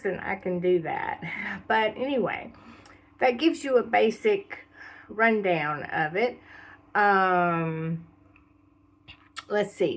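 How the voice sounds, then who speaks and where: A woman speaks in a Southeast Texas accent at an unhurried, drawn-out pace. She sounds folksy and chatty, wandering through an informal explanation as an actor teaching dialect. Her pitch sits in an average range for a woman. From Southeast Texas, USA. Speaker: actor presenting a dialect tutorial. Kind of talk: casual unscripted explainer.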